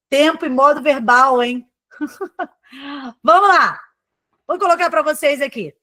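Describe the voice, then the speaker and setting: A woman's voice: high voice, fairly bright tone, dry recording. Chatty Brazilian woman teaching online. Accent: Brazilian Portuguese. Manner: chatty, addresses students by name, frequent "tá?" and "né?" tags. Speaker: Portuguese teacher. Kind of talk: live online exam-prep class.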